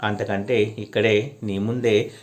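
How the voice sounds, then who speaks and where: A man's voice: fairly low pitch, flat delivery, slow. A man voicing a little girl who coaxes and pleads with a deity in a devotional story. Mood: begging. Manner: pleading, coaxing.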